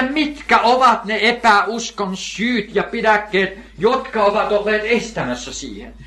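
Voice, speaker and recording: Older man, preacher, sermon, high voice, emphatic, questions and answers himself. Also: bright, forceful tone. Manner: emphatic, repeats key phrases, asks and answers his own questions.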